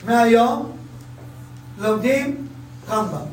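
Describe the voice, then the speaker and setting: A man with a very high voice leads a Talmud class, repeating key phrases and throwing questions at his listeners. He sounds distant, caught in a strongly echoing room. A faint noise sits under the talk. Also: expressive. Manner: repeats phrases, quizzes listeners, acts out quotes. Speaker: religious teacher.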